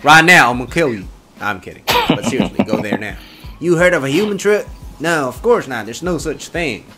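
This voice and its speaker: A man's voice: medium pitch, animated, a little fast. A young man in his twenties from Indonesia, playfully switching between many put-on accents in a comedic video. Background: background music.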